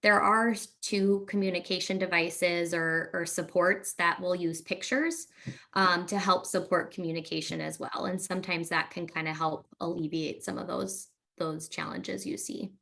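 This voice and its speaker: A fairly low, gravelly female voice belongs to a speech-language pathologist giving a webinar at a moderate pace. She explains casually, often leaning on fillers.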